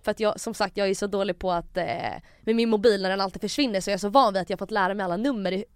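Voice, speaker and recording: A young woman hosts a podcast and tells a personal story in a casual, animated way. Her voice is mid-pitched and recorded dry and close. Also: clear, resonant tone, no room sound. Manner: animated, acts out quotes, many fillers like "jag bara". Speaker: podcast host.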